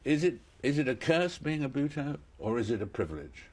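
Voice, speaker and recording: In this broadcast interview, the man asking the questions has a husky, medium-pitched voice with big pitch swings and a brisk delivery. After introducing his guest, he builds long, hesitant questions, repeating words as he goes.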